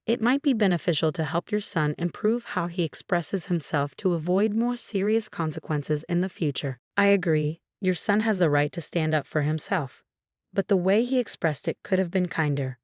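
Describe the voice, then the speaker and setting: A woman reading online forum posts aloud as scripted narration, in an even, measured delivery with no fillers. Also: fairly low pitch, no echo, clean studio sound. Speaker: story narrator.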